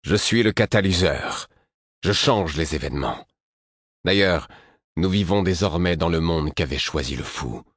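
A man's voice: deep voice, expressive, unhurried, a bit bright, dry recording, studio quality, heavily acted. A man reading an audiobook and voicing the hero, a cold, resolute young man who speaks coldly and cuttingly.

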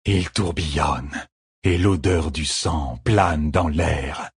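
A man voicing eerie, greedy fox-like creatures in a slow, hushed, drawn-out way. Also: rumbling low, husky, no room sound, clean studio sound, full character voice.

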